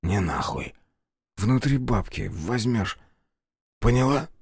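A man voicing a badly wounded young man who wheezes out his words in a weak, hoarse voice. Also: medium pitch, very slow, darkish tone, no echo, studio quality. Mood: weak insistent.

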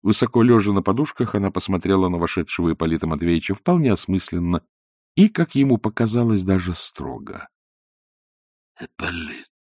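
Deep-voiced, lively male audiobook narrator. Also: fast, dry recording, studio quality. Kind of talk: expressive literary narration.

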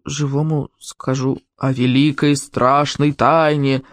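A man's voice: medium pitch, little pitch movement, slow, no room sound, lightly acted. A man doing a swaggering schoolboy who orders his friend about in a grave, self-important tone. The voice is close and dry, with no room around it. It rises and falls freely as he lays down the law. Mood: solemn. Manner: pompous, solemn, commanding. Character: boastful, bossy schoolboy, fifth-grader.

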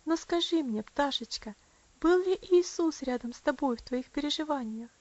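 A woman voicing a gentle, affectionate young woman in an audiobook, speaking tenderly and soothingly. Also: high voice, animated, moderate pace, no echo, lo-fi sound, voice pushed up. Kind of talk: audiobook character voice.

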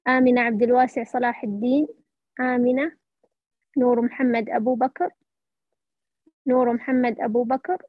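A woman moderating an online class, briskly calling out names. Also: fairly high pitch, fairly even intonation, dry recording. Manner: brisk, calls out names in repetition. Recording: dull lo-fi online audio.

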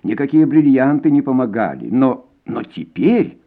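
A man reading a story, voicing a smooth baritone who speaks softly and coaxingly. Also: lively intonation, moderate pace, natural voice. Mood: soothing. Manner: soft, coaxing. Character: soft-spoken, smooth male baritone singer. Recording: tinny phone-like sound.

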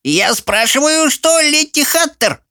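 A man voicing a stubborn, sharp-tongued young woman who speaks coldly and pointedly. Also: very high voice, very animated, slow pace, no echo, studio quality, pitched above the performer's own voice, exaggerated voice. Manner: cold, pointed.

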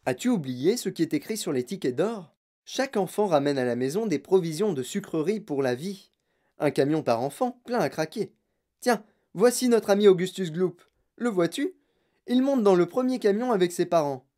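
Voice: mid-range voice, animated, moderate pace, warm tone, natural voice. An audiobook reader voicing a cheerful, eccentric man who runs a chocolate factory.

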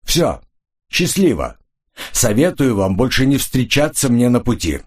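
A man's voice: medium pitch, sing-song, measured pace, darkish tone, voice pushed up. A man voicing a cool, mocking tough-guy hero in a hard-boiled audiobook. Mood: cold. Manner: ironic, sardonic.

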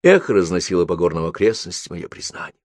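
Low-voiced expressive male narrator. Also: fast talker, dry recording, studio quality. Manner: expressive literary reading. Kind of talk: audiobook narration.

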